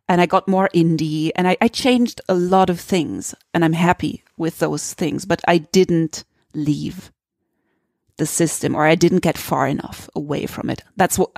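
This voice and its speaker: A woman's voice: lowish voice, a little mellow, no room sound, clean studio sound. A woman with a German accent hosting a podcast, talking candidly in a searching way that often restarts phrases. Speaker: podcast host. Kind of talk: casual conversation.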